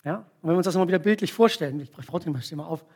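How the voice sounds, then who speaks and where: A man's voice: a little high, a little mellow, breathy edge. A man preaching a sermon, retelling a Bible story with volunteers acting it out, often checking in with the listeners with tag questions. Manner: explains slowly with frequent tag questions.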